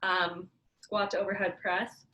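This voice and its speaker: A woman's voice: lowish voice, little pitch movement, measured pace. Woman aerobics instructor, echoey and distant. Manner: encouraging, commanding coaching in short cues. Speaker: fitness class instructor. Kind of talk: aerobics instructor cueing a live workout with counts and breathing cues. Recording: roomy echo, far from mic, faint noise.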